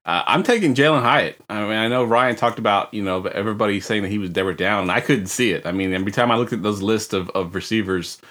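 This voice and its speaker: A man with a very low voice hosts a casual sports podcast, moving things along with quick prompts. He talks in a relaxed, conversational way. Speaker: podcast host.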